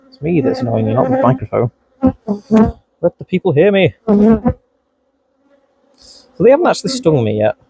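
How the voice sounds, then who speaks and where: A man narrates a beekeeping vlog outdoors at his hives, dressed in a bee suit, chatting to and scolding the bees in a mild Scouse-Wigan accent; when startled, his voice jumps up. It's on the high side yet dark-toned and husky. The recording is low quality, from a close clip-on mic with bees walking over it.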